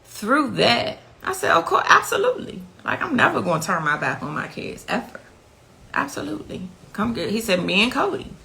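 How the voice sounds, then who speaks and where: A middle-aged woman with a heavily gravelly voice that still sounds bright and forceful. She talks as a grieving mother in an interview, intense and repeating her key phrases to drive them home. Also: mid-range voice, big pitch swings, fairly quick, few pauses, a little hiss or hum. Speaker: mother of the victim. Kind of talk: emotional interview testimony.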